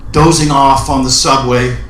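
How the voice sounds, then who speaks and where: A man at an open mic, introducing and reciting his poetry with measured, deliberate phrasing. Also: mid-range voice, fairly even intonation, fairly bright tone. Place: indoor open mic event room. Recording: roomy live recording with background noise.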